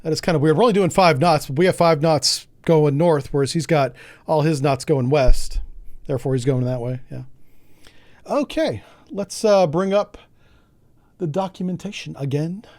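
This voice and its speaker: A man streaming a game, chatting casually with his viewers, joking, laughing often and thinking out loud. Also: a little high, moderate pace, no echo. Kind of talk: casual live gameplay commentary.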